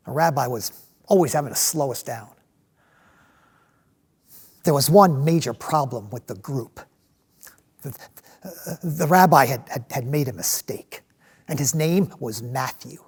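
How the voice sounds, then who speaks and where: An actor playing a passionate, restless disciple in a dramatic monologue, telling his story with halting, emphatic delivery and repeated words. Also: mid-range voice, expressive, husky, heavily acted. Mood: wry, earnest. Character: passionate male zealot disciple, restless man of action, recalling Jesus.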